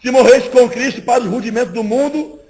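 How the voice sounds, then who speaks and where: A man preaching a sermon in a lively, conversational way, acting out small exchanges between people. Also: extremely high pitch, brisk, low-quality recording. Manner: lively, conversational preaching that acts out little dialogues. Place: church meeting, indoors.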